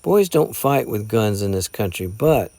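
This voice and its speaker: A man voicing a well-mannered young gentleman boy who speaks in a polite, steady, measured way. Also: on the low side, gravelly, no room sound. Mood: stern.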